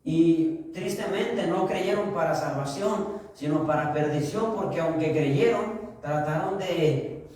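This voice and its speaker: A man preaching a sermon as pastor, asking the congregation questions and answering them himself, slowing down to stress key phrases. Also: a little high, darkish tone. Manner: slows down for emphasis on key phrases. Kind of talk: sermon with humorous anecdotes. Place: church sanctuary. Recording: echoey church hall, distant mic.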